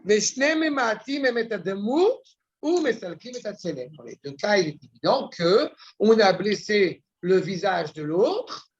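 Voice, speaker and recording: Man, Torah lecture, impassioned, blunt, high voice, muffled lo-fi sound. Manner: impassioned, blunt, mixes Hebrew terms. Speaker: Torah teacher.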